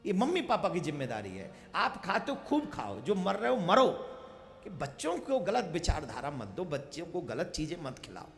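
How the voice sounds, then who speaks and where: A man's voice: fairly high pitch, wildly swooping pitch, normal speed, creaky, big-room sound, faint music behind. A man preaching to a crowd in a sermon tent, pleading and impassioned. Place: large outdoor sermon tent.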